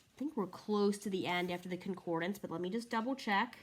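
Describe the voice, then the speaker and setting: Paging through a Bible she's reviewing, a woman keeps up a casual, friendly chatter while a little short of breath. She speaks fairly quickly in a mid-range voice, with a faint hiss or hum in the recording.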